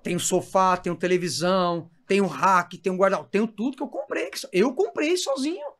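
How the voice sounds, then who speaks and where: A man's voice: high voice, lively intonation, brisk, fairly bright tone. Brazilian guy, missionary preacher, fervent testimony, keeps saying brother. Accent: Brazilian Portuguese. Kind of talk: emotional faith testimony.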